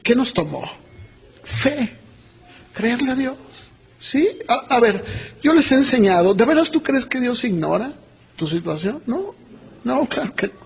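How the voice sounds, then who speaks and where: A man's voice: very high-pitched, unhurried, gravelly, pauses often, breathy edge. A middle-aged man with a Mexican accent, preaching a sermon and acting out the dialogue of his story. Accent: Mexican Spanish. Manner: animated, acts out dialogue, laughs while telling. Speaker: pastor.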